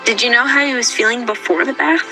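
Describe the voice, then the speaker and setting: A woman voicing a calm, reserved female creature in a fan cartoon. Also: a little high, quick pace, over music, close to an everyday voice, rough recording. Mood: guarded.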